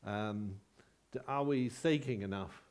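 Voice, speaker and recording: This preacher's voice sits on the low side. His sermon is easygoing and chatty, full of frequent halts and personal anecdotes where he pokes fun at himself.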